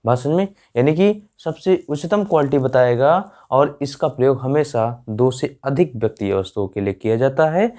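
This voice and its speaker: An Indian man teaching a grammar class in a mid-pitched voice. He checks in with his listeners again and again, repeats key terms and answers his own questions. He draws out each English example word slowly, like a teacher at a board. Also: animated, mellow. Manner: explains slowly, stretching English example words.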